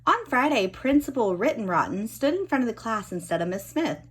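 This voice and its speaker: Animated, slightly husky woman reading a storybook. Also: on the high side. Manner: animated, dramatic storytelling with drawn-out key words. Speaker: storybook reader. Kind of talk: expressive children's storybook narration.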